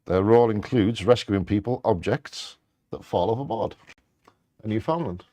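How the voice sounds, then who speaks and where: A man's voice: on the low side, normal speed, dark tone, no room sound. A man co-hosting a live bingo game, reading out short facts alongside casual asides.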